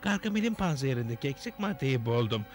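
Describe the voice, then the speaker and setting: A man's voice: medium pitch, big pitch swings, quick pace, close to an everyday voice. A man voicing a kindly old fatherly leader of little smurfs in a cartoon dub. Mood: purposeful. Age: older. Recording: music under the voice.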